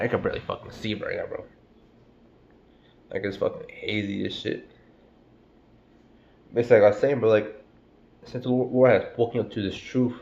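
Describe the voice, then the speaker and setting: This preacher has a lowish, creaky, slightly mellow voice and a stuffy cold, delivering a casual street-style sermon full of slang and profanity while calling listeners "bro" and "man." The recording sounds roomy, with the highs cut off and a bit of hiss or hum.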